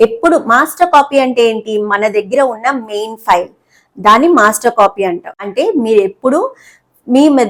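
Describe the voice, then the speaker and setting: A woman teaching an English lesson in Telugu, explaining words and repeating key terms slowly. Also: fairly high pitch, fairly bright tone, rough recording.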